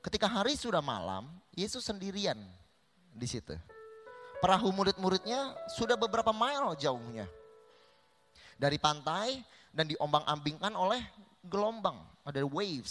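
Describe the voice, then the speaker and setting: A man's voice: fairly high pitch, big pitch swings, normal speed, a bit bright, faint music behind. A male pastor with an Indonesian accent, preaching a sermon that mixes Indonesian with English phrases and often calls listeners "saudara".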